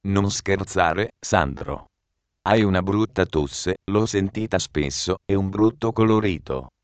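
A man's voice: sits low, slow pace, smooth, dry recording. A man voicing a stern, protective male friend who speaks bluntly and insistently. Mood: earnest.

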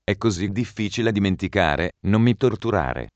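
A man's voice: on the low side, animated, moderate pace, no echo, close to an everyday voice. A man reading the lines of a tormented, lovesick young man who answers curtly and with agitation. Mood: anguished. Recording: dry, muffled recording.

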